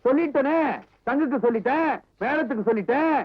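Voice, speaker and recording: An actor playing a sly, stingy moneylender husband who schemes and talks brusquely, on a dull old film soundtrack. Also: male voice, very high-pitched, fast talker. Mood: scheming.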